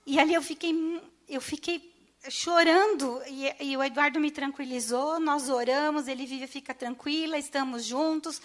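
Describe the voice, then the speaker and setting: Her voice fairly high and her tone steady, a middle-aged woman from Brazil tells her church congregation her personal testimony. She stops, pauses and begins again as the emotion of reliving it breaks up her words.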